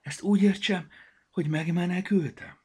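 A man's voice: darkish tone, husky. A man doing a timid little talking pair of glasses. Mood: plaintive. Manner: high, plaintive and wondering.

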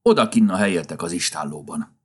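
Reading a storybook, a man voices a grumpy, flustered old Santa Claus who scolds impatiently before turning tender and excited. His voice sits low and sounds slightly rough.

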